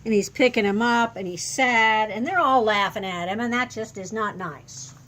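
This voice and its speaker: With a slightly high voice at normal speed, an older woman tells a children's story the way a grandmother would, explaining things to a small child through simple, expressive asides. A faint hiss or hum sits in the audio.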